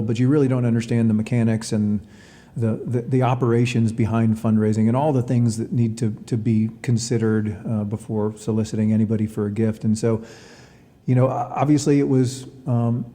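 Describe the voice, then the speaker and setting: Speaking as a college athletics director in an interview, a man answers questions in a measured way, hesitating and repeating words. His medium-pitched voice is mellow, and the audio has a big-room sound.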